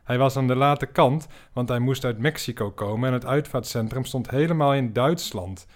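A man hosting a podcast, telling an absurd comic story in a dry, deadpan way. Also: mid-range voice, normal speed. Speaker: podcast host.

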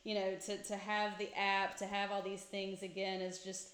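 A woman interviewer is heard over a video call, and her voice carries the echo of the room around her. She sounds eager and talks in a loose, chatty way, with plenty of "I mean" and "you know." Her pitch sits in a middle range for a woman. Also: monotone, moderate pace, a bit bright. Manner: enthusiastic, with many "I mean" and "you know" fillers. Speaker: interviewer and tennis teaching pro. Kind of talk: casual interview chat.

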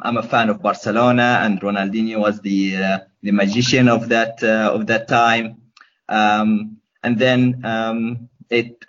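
A man's voice: fairly low pitch, a bit bright. Hesitant young man. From Gaza, Palestine. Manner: hesitant, many ums and restarts. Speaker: podcast guest. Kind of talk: casual interview answers. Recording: dull lo-fi podcast audio.

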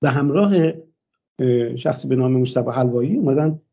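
An older man, a guest in a radio interview, gives a long, hesitant personal account, often pausing on "uh" fillers. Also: medium pitch, animated, creaky, dark tone, slightly rough, dull audio.

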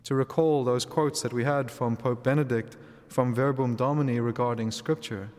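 A man speaking as a priest in a measured, solemn way, reading scripture and preaching, with a cathedral echo around his voice. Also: mid-range voice, fairly even intonation, a little mellow. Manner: measured, solemn liturgical delivery. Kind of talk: Gospel reading and homily. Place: large reverberant church interior. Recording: long cathedral-like echo, reverberant church.

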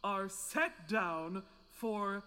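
An actor as Quince, a measured director of a village play. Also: mid-range voice, pushed and bright, smooth, big-room sound. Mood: directing. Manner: calls out names in a measured, slow way. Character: fussy male carpenter directing a village play.

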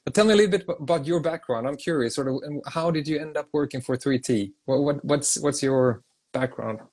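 A man's voice: on the high side, fairly quick, darkish tone, breathy edge. Chatty male interview host. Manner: chatty, self-deprecating, repeats words while thinking. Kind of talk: casual interview hosting.

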